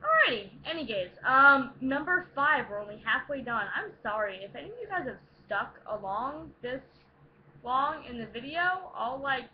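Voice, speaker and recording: A woman's voice: sits high, sing-song, moderate pace. A young woman chatting casually to viewers in a tipsy, rowdy, playful, rambling way as she answers questions. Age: young adult. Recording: dull lo-fi home recording, faint noise.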